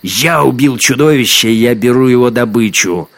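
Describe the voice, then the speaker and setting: A man voicing a brutal, gloating young male hunter who shouts and mocks in a storybook reading. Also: low-pitched, expressive, unhurried, creaky, no echo, full character voice. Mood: shouting. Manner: shouting, menacing, mocking. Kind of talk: audiobook character acting.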